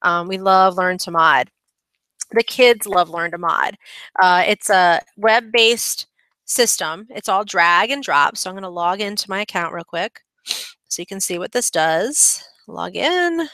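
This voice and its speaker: A woman's voice: mid-range voice, a little slow, pushed and bright, no room sound, rough recording. A woman teaching kids' coding, chatting her way through a screen-recorded tutorial in an upbeat manner with frequent ums. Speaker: kids' coding club instructor.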